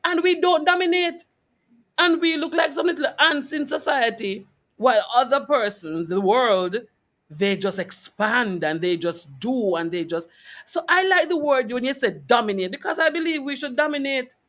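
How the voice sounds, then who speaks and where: A male interview host with an extremely high, sharp-toned voice speaks animatedly at a moderate pace in a conversational faith-based interview. He talks emphatically and repeats key phrases to give them weight.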